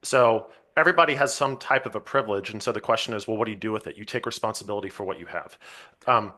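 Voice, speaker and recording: A man hosting a podcast in a relaxed, thoughtful way. His voice is bright and forward, and he muses on ideas before he lands them. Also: on the low side, fast talker. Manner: reflective, thoughtful, laid-back. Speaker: podcast host. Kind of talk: casual conversation.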